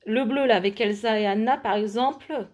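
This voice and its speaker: A woman in her forties from France talks her viewers through a shopping haul in a relaxed, chatty way. Her voice sits a little high, and she pauses often with small fillers as she holds things up. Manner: chatty, shows products to camera with many fillers. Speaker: vlogger. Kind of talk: casual haul vlog.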